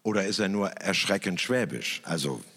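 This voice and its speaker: A man talks slowly and thoughtfully to an audience from a stage. His low voice rises and falls with lively emphasis between long pauses. A long reverb rings out through the hall. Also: heavy background noise. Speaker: speaker who works in church television. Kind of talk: reflective talk in front of an audience.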